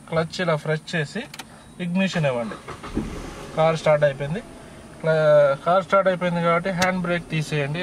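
A man's voice: a little high, noisy background. A man with a Telugu accent patiently explains car controls step by step from inside a parked car, recorded on a handheld phone. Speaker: driving instructor. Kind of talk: casual how-to explanation.

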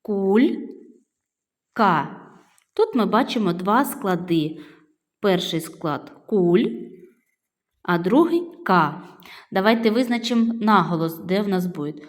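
A woman's voice: medium pitch, expressive, normal speed. A middle-aged woman teaching young children a phonics lesson, patiently drawing out each word as she sounds it. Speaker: primary school teacher. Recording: echoey room with long reverb.

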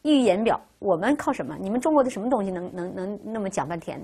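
A woman's voice: mid-range voice, expressive, quick pace, dark tone, husky. A woman teaching a language class, who keeps asking her students rhetorical questions and checking in with "right?". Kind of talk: classroom lecture.

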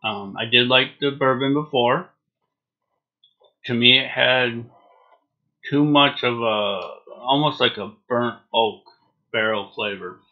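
A man's voice: medium pitch, slow, pauses often. A man in his forties giving a casual, unscripted review in a laid-back, hesitant way with trailing phrases. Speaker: product reviewer. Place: small home room, indoors. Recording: dull lo-fi webcam sound.

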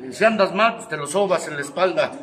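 Foul-mouthed Mexican man, high voice, echoey room. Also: fast, very noisy. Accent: Mexican Spanish. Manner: coarse, joking, swears constantly, bursts into shouting. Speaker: speaker sharing his testimony at a recovery group. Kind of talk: profane testimonial talk.

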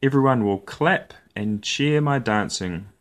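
For an audience of young children, a man of medium pitch reads a picture book in an expressive storytelling style. He shapes his phrases deliberately and playfully.

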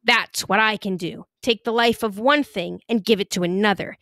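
Woman reading sly blunt boy, storybook, medium pitch, dry close sound. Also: normal speed, a bit bright, dry recording, natural voice. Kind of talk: audiobook character reading.

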